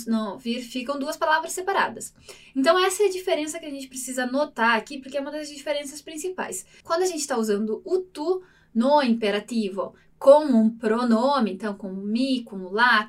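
High-voiced woman teaching Italian. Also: far from the mic. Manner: explanatory, checks in often with "ok?". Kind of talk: online language lesson.

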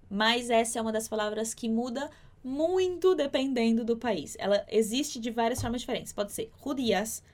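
A woman teaching a language lesson, breaking each phrase down slowly and carefully. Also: fairly high pitch. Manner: slow, careful, spelling out phrases. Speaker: Spanish teacher.

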